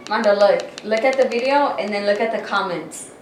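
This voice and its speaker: Female podcast co-host, medium pitch, blunt and slangy casual chat, roomy recording with faint noise. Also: brisk, recorded from a distance. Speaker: podcast co-host reading out viewer comments. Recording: echoey room, faint noise.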